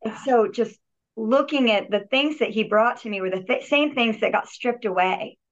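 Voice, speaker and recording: A woman with a slightly high voice speaks at normal speed. She's a guest on a podcast, a healer and yogi telling her own healing story in an earnest, reflective manner with frequent restarts and repeated words; the recording is dull and lo-fi.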